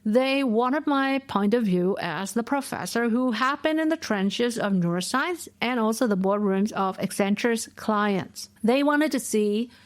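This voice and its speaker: A woman in her forties hosts a podcast from her home office. Her voice sits a little high, and the sound is dry and close, with no room echo. She talks in a lecturing, explanatory way and keeps checking in with the listener. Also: expressive, unhurried, hardly any pauses. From Asia. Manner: lecturing, explanatory, with rhetorical "right?" tags. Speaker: podcast host. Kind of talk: solo podcast talk.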